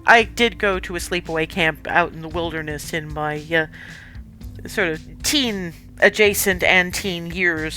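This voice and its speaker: A woman's voice: low voice, bright, forceful tone. A woman streamer giving casual, wry commentary while reading a story game aloud. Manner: chatty, wry asides, swears.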